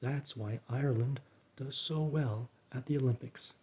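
Soft-spoken man, half whispering. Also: mid-range voice. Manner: soft, slow, often whispered delivery; dry deadpan asides. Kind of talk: quiet reflective readings and recipe read-aloud.

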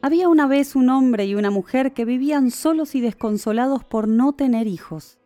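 A woman narrates a classic fairy tale in measured storybook fashion, with a voice a little on the high side. The sound is close and dry, and faint music plays underneath. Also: mellow, no echo.

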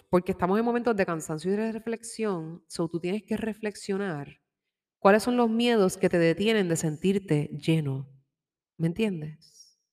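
A woman's voice: medium pitch, big-room sound. Chatty tarot-reading woman. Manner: chatty, mixes in English words, laughs often. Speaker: tarot reader. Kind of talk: casual spiritual guidance talk. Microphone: microphone with headphones.

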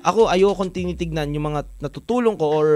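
A man hosting an online radio-style show, chatting and telling a story to his listeners in a lively, animated way. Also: high-pitched, fairly quick, soft background music. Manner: animated, keeps calling listeners "mga kawan". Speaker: DJ host.

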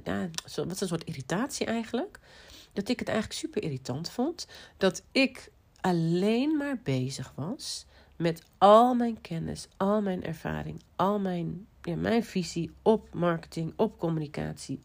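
Low-voiced woman, lively rambling talk. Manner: lively, tumbling sentences with many restarts and fillers. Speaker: marketing and business coach. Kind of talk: casual monologue, podcast-like.

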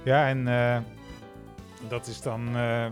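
A man's voice: mid-range voice, monotone, takes it slowly, soft background music. A man co-hosting a radio show, reminiscing casually and often searching for his words. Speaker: radio show co-host looking back.

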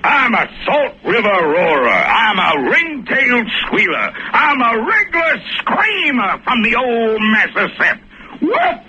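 A man's voice: extremely high pitch, very animated, a little slow, bright, forceful tone, highs cut off, slight background noise, heavily acted. A roaring, bragging frontier keelboatman. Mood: boastful, rowdy. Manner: roaring tall-tale bragging, whoops and rooster crows. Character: boastful brawling frontier keelboatman, male adult. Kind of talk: 1940s radio acting.

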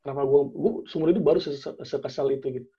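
A young man tells a personal story in a loose, chatty way, slipping into quoted dialogue with slangy fillers. His voice is a bit husky and sits at a medium pitch. The recording sounds dull and lo-fi. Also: rapid-fire, warm tone. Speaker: guest telling a personal story. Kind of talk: casual storytelling chat.

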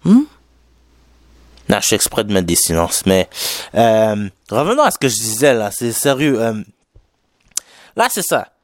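A young Québécois podcast host with a slight Haitian lilt rambles through a solo monologue, full of fillers, restarts and English slang. His pitch swings up and down with plenty of life, but he takes his time with the words. The recording is close and dry, with no room sound. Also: big pitch swings, unhurried, pauses often, no echo. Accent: Québécois French with a slight Haitian touch. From Quebec.

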